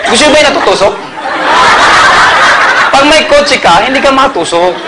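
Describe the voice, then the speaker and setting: A high-voiced Filipino man works a seminar crowd, cracking jokes and firing questions at the room. His talk rides over a lively audience in a hall. The recording carries steady noise under him. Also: moderate pace. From Pangasinan, Philippines. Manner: joking, storytelling, quizzes the crowd. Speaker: marketing presenter. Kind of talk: seminar sales pitch to a live audience. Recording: noisy hall with a reacting crowd.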